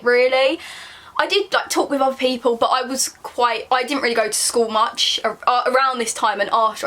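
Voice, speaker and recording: A woman's voice: fairly high pitch, fairly bright tone. A young woman with a southern English accent reads her diary aloud casually, embarrassed and self-mocking, breaking off for chatty asides. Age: young adult. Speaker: vlogger.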